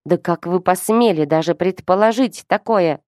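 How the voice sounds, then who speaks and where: A woman's voice: fairly low pitch, moderate pace, a little mellow, no echo, clean studio sound, natural voice. A woman reading a story who voices a proud young man defending his sister, speaking earnestly. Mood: indignant. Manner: earnest, pleading then indignant. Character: proud protective young man, older brother.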